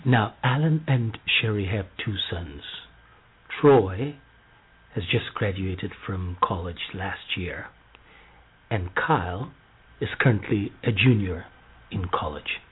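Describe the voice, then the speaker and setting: A podcast host interviews a couple casually in their home, chatting and laughing along with them. His voice is low, slow, and slightly rough, and the recording has a tinny, phone-like lo-fi sound.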